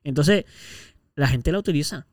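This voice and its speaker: A man with a Puerto Rican accent, co-hosting a podcast in casual, earnest, expressive conversation. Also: a little high, normal speed, no room sound, clean studio sound. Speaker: podcast co-host.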